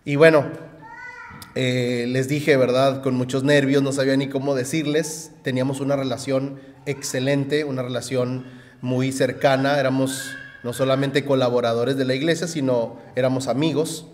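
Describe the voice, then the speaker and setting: A man, preaching a sermon in a conversational way, often adding "¿verdad?" and pausing on fillers. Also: medium pitch, level tone, big-room sound, a little hiss or hum. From Mexico. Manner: conversational, frequent "¿verdad?" tags and hesitations. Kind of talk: sermon with personal story.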